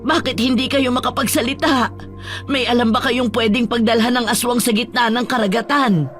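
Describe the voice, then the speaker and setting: Casting: man playing a panicked, tearful old grandmother in a radio horror story, high and stammering, soft music behind. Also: fairly even intonation, moderate pace. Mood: desperate. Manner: panicked, stammering, crying pleas. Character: frantic elderly grandmother, tearful and pleading.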